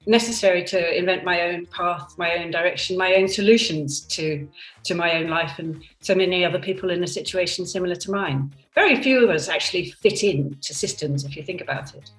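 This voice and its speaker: Speaking fairly quickly in a fairly low voice, a product designer in her fifties, from Denmark and England, reflects candidly in a conversational interview and often restarts her sentences. She's on a computer video call from her seaside home. The audio is roomy and distant from the mic, with soft music playing in the background.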